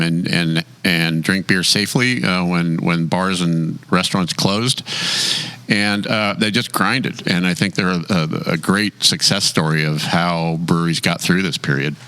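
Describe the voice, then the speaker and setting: A man's voice: low voice, bright, forceful tone. A man co-hosting as a beer writer, chatting casually with a dry, joking manner. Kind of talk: casual chat.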